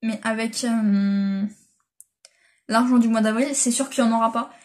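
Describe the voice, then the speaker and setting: A woman's voice: fairly high pitch, fairly even intonation, moderate pace, slight background noise. A young woman chatting casually as a manga vlogger, rambling with lots of fillers and restarts, on a built-in device mic. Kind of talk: casual chat.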